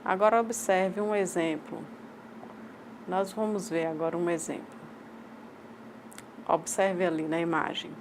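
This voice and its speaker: A woman with a Brazilian accent voicing a sign language teacher's lecture aloud, in measured, halting short phrases. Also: fairly low pitch, fairly even intonation, a little hiss or hum. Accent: Brazilian Portuguese. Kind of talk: voiced interpretation of a lecture.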